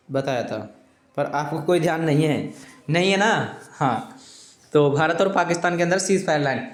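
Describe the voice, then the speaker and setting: High-voiced man teaching an exam lesson. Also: roomy sound. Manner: repetitive, keeps saying "okay friends"; pleading with viewers, informal.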